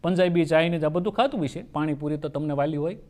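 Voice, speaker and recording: A man's voice: a little high, quick pace, a little mellow. A man telling folksy comic stories on stage and acting out his characters' lines. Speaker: folk comedian. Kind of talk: stage comedy storytelling.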